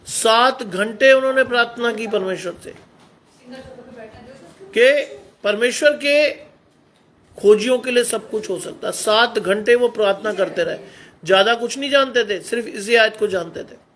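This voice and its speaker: A middle-aged male preacher delivers a sermon in a notably high voice. He exhorts his listeners, pressing them again and again with rhetorical questions. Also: normal speed, fairly bright tone. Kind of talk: Hindi sermon.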